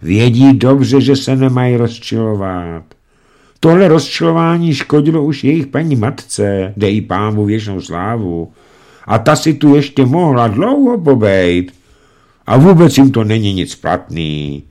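In an audiobook reading of a storybook, a man voices an ancient, centuries-old female servant who stays calm and unflappable. He pitches his medium voice above his own, very animated yet mellow, giving her folksy, colloquial speech that is unhurried, composed, calm, and chatty.

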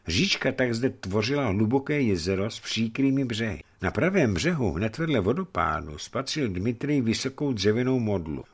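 A man narrating a historical adventure story in an expressive reading style. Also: on the low side.

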